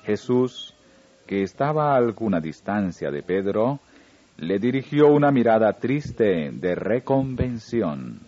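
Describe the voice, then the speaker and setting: A man reading a religious story aloud in a slow, solemn narrating manner. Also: lowish voice, big pitch swings, warm tone. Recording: dull lo-fi recording with faint music.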